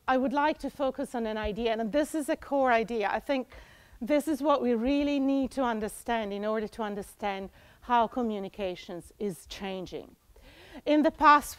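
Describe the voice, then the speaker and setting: A woman's voice: a little high, clean tone, no echo. A woman in her forties from Italy giving a conference presentation, talking with frequent fillers and restarts, on a lapel mic in a conference room. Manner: animated, many fillers and restarts. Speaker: conference speaker.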